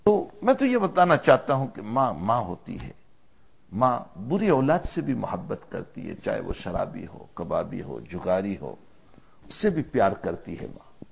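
Gravelly low-voiced male preacher. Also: very animated, muffled recording. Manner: emotive, swells loud then drops low. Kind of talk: sermon storytelling.

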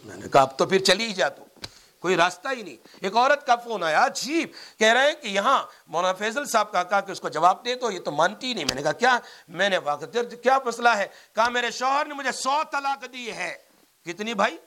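A man, an Islamic scholar who teaches at a madrasa, giving a religious lecture on points of Islamic law. He tells cases as stories and acts out the quoted dialogue, with sudden swings in loudness, and recites Arabic sayings slowly and emphatically. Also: sits high, expressive, a little hiss or hum.

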